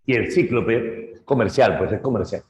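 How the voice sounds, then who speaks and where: A man's voice: fairly low pitch, normal speed. Guy teaching lit, telling a myth with lots of drama, echoey room. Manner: animated retelling, acting out characters. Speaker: literature teacher. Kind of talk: storytelling lesson. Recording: roomy echo.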